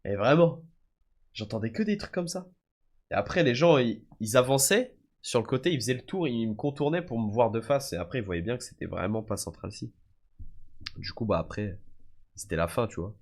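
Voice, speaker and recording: Lively intonation and a medium pitch at normal speed mark this young Frenchman live on stream. Often sick, he spins casual, slangy stories for his audience, calling them "les gars" and "frère".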